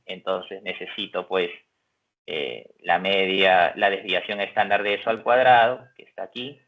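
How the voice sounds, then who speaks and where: A man lecturing on statistics who explains step by step, asks rhetorical questions and acts out student replies. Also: on the low side. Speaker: university lecturer. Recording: dull lo-fi recording.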